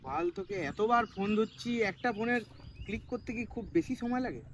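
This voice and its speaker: A man's voice: extremely high pitch, a little fast, slight background noise. An actor playing a young man cheated out of money he paid for a job, who speaks with a Bengali accent, urging on the phone and then confronting his friend bitterly. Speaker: actor in a short film. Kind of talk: naturalistic short film acting.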